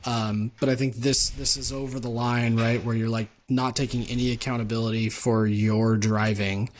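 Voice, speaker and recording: A man's voice: mid-range voice, level tone, moderate pace, a little hiss or hum. A man co-hosting a casual sports podcast, talking in a thoughtful way that hedges with fillers. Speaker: podcast co-host. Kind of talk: casual chat.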